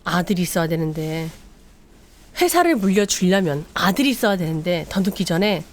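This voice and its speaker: A woman's voice: lowish voice, animated, moderate pace, natural voice. A woman voicing a stern, domineering rich father while retelling a drama story.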